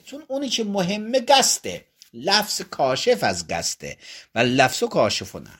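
A man teaching Islamic jurisprudence, reading lines of a classical Arabic text and explaining them in casual Persian, acting out both sides of each dispute. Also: a little high. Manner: reads Arabic text aloud, then explains it in colloquial Persian.

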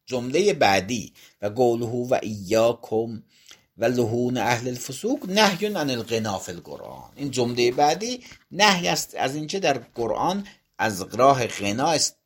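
A man giving a classroom lecture in a husky, slightly breathy voice. His pitch rises and falls a lot as he reads a passage aloud and then unpacks it phrase by phrase. He often stops to rephrase or correct himself mid-sentence. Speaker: teacher of religious jurisprudence.

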